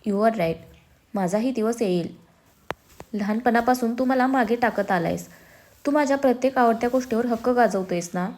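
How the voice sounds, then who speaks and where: A jealous, playful young twin brother who whines and teases, his complaints half joking. A woman reads him in a slightly high voice, close to her own. He drops casual English slang between sentences. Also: normal speed, a little mellow, natural voice. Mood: sulky.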